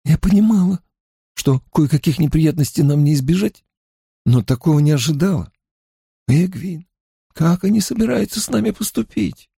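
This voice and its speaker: A man's voice: a little high, lively intonation, moderate pace, gravelly, mellow, slightly rough, dry recording, clean studio sound, pitched above the performer's own voice, full character voice. A man voicing a frustrated, outspoken young noblewoman in a nasal whisper. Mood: worried.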